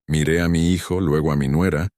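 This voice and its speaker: A man narrating a first-person story in a calm, measured, solemn way. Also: a bass voice, dry recording, studio quality.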